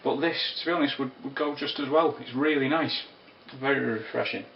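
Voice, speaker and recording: A man giving a casual spoken whisky review, unhurried and descriptive with wry asides. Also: medium pitch, vocal fry, slight background noise. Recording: roomy, distant, dull lo-fi sound.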